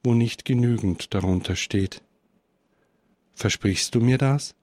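A man voicing the gentle, forgiving Christ child in a read-aloud Christmas story, speaking softly and calmly. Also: mid-range voice, a little slow, no echo, lightly acted.

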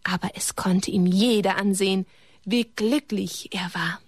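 A woman reading a religious story aloud to children in a gentle way, turning to them with questions and sometimes dropping to a whisper. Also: medium pitch, fairly even intonation, unhurried.

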